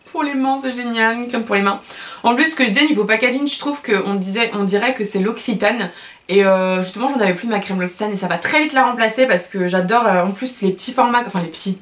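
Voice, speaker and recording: A woman's voice: mid-range voice, a bit bright. A woman beauty vlogger chatting casually while unboxing products, gushing and chatty with many fillers and self-corrections.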